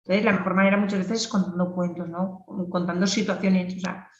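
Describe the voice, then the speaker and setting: A woman speech therapist giving a clinical lecture in a lively, explanatory way, often checking in with tag questions. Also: on the low side, brisk, echoey room, far from the mic, muffled recording.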